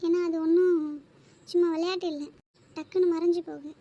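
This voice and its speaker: A woman's voice: very high voice, level tone, brisk, warm tone, muffled recording, slight background noise. A woman playing a heartbroken young woman who speaks wearily and tearfully in a scripted drama. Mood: sorrowful. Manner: weary, tearful, falters.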